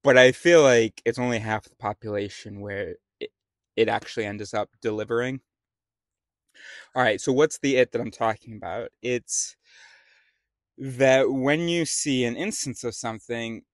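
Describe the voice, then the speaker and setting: A man's voice: medium pitch, measured pace, dry recording, clean studio sound. A man in a casual spoken monologue, rambling and often stopping to restart his sentences. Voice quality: rambling, self-interrupting.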